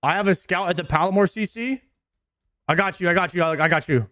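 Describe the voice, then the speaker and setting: A man's voice: high-pitched, fast, bright, forceful tone, no echo, studio quality. A man chatting casually on a game livestream in hyped, slangy frat-bro talk. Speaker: game streamer. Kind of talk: casual livestream gaming chat.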